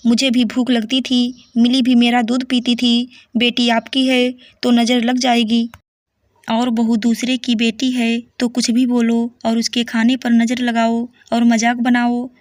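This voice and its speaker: A woman's voice: a little high, completely flat delivery, unhurried, no room sound, clean studio sound, lightly acted. A woman voicing a young daughter-in-law who is hurt and put-upon, speaking plaintively. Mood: retorting.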